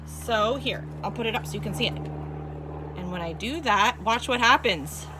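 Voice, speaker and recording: High-voiced woman, kids show host style. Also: expressive, measured pace, background noise. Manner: child-directed, sing-song, encouraging the viewer along. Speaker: children's teacher presenting a home activity. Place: inside a home.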